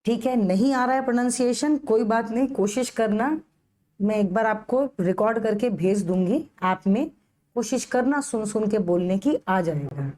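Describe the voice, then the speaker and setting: A woman's voice: on the high side, lively intonation, moderate pace, warm tone. A young woman lecturing a live online class with an Indian English accent, patiently drilling Latin legal phrases syllable by syllable and teasing her students.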